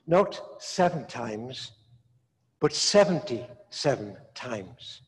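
Slow older priest in an echoey church. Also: male voice, mid-range voice, very animated, slightly rough. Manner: slow, measured preaching with long pauses between phrases. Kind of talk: sermon. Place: large stone church, indoors.

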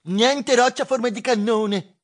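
A round, chattering rat treasure hunter, put on by a male storyteller babbles on in a sing-song, very high squeaky voice. He keeps nagging his captain with question after question, in the manner of a children's audio storybook. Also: unhurried, a little hiss or hum. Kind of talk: storybook voice acting.

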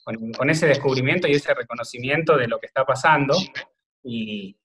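An Argentine man, a video maker, answering interview questions in a relaxed, rambling way full of fillers. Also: medium pitch, normal speed. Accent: Argentine Spanish. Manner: rambling, thinks aloud with many fillers. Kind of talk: casual remote interview conversation.

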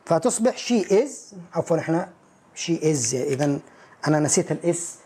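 A man with a fairly high, warm, very animated voice leads an English grammar class. Each example is read slowly and translated, after which he voices likely student questions and supplies the answers.

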